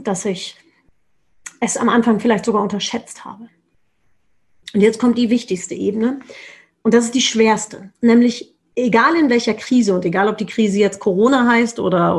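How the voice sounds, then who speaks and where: Middle-aged woman trainer talking emphatic in a webinar, bit high voice, goes loud then quiet. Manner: emphatic, repeats sentence frames, swings between loud and quiet. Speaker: keynote speaker and trainer. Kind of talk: webinar talk with emotional example statements. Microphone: webinar microphone.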